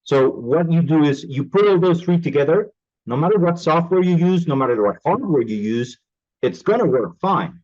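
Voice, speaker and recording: A man hosting a podcast in casual interview talk, lively and often stopping to search for words. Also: fairly high pitch, normal speed. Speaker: podcast host. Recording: dull lo-fi call audio.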